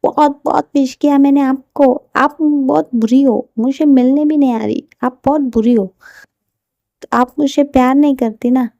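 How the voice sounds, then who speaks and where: A small girl who pouts and complains to her aunt, as a woman narrator puts her on. The voice is pushed high and loud and sounds childish, with a warm, gravelly texture. The recording is dry and close. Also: steady tone, normal speed, no echo, muffled recording. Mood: sulky. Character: little girl, affectionate and sulky. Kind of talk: storybook character voice.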